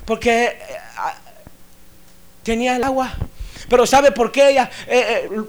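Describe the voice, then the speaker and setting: A man preaching a sermon, moving from hushed storytelling to loud shouted preaching and repeating phrases for emphasis. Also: very high-pitched, measured pace.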